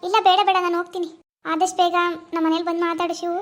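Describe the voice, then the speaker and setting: A woman's voice: very high-pitched, little pitch movement, racing. [name], a woman playing an anxious girl. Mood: worried. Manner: pleading, worried. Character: young village woman, timid and anxious lover.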